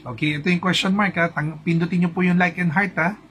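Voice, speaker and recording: A man's voice: sits high, steady tone, brisk, fairly bright tone, a little hiss or hum, low-quality recording. A man with a Filipino accent, a feng shui coach giving a casual live talk to an audience, chatty and often asking "di ba?". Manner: chatty, mixes in English, asks "di ba?" often.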